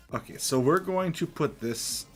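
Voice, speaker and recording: A man's voice: mid-range voice, creaky. A man doing casual live gameplay commentary, thinking aloud and chatting to viewers as a streamer. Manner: thinking aloud, often chuckling. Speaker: game streamer.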